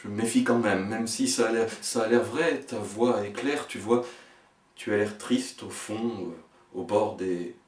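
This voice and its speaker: Slow, echoey man reciting fragmented poetry. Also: on the low side. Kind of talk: experimental spoken-word poetry performance. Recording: echoey room, voice far from the mic.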